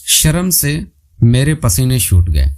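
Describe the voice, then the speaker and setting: A man narrating a story in a lively storytelling manner, voicing the people in it. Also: mid-range voice. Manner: lively storytelling with quoted dialogue.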